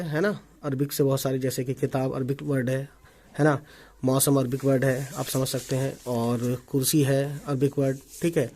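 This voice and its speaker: A man teaching an Urdu writing lesson in Hindi, repeating words slowly and often checking that viewers follow along. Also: medium pitch, dark tone. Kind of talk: online language lesson. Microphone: omnidirectional desk microphone.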